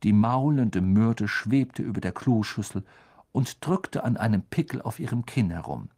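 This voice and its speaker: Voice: unhurried, husky. A reader narrating a children's fantasy novel, telling it expressively and voicing every character. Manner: expressive storytelling with wide pitch swings. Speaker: audiobook narrator. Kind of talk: scripted narration.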